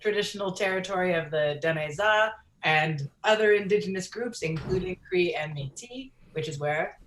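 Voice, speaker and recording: A woman introduces herself slowly and giggly on a video call. Her voice is lowish and sounds roomy, with faint background noise. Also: fairly bright tone. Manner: slow, giggly. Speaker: participant.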